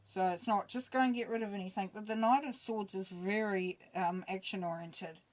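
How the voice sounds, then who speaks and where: A woman giving a casual spoken tarot reading, relaxed and chatty, thinking aloud as she goes. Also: mid-range voice, moderate pace, low-quality recording. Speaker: tarot reader.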